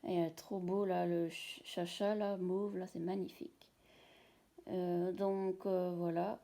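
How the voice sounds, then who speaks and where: A woman's voice: on the low side, flat delivery, takes it slowly, vocal fry, mellow. A woman showing her shopping finds in a casual, rambling home video, full of hesitations. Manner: chatty, rambling, many hesitations. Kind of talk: casual product show-and-tell. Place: at home, indoors.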